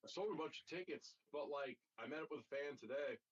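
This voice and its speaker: A man's voice: fairly high pitch, a little fast, husky. A young man in a band, guesting on a podcast, telling rambling stories with casual swearing and lots of fillers. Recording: dull lo-fi audio.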